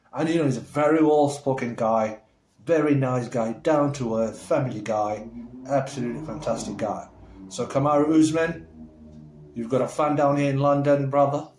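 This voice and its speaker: A man's voice: medium pitch, a little mellow. A man from Somalia talking casually to camera as a vlogger. He rambles in a chatty way, with many fillers and restarts, and turns enthusiastic when he praises someone. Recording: roomy echo.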